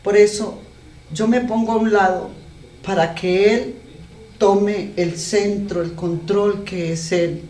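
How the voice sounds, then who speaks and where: A man's voice: high-pitched, steady tone, slow pace, darkish tone. A man preaching a sermon in an earnest, emotional way, often breaking off and restarting his sentences. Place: garage. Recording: echoey room, mic at a distance.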